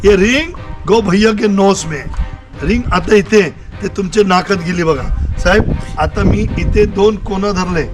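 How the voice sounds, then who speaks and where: A man's voice: high-pitched, measured pace. A man doing street magic patter outdoors, chatty and showy, coaxing and joking with the onlookers. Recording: loud background music over outdoor audio. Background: loud music.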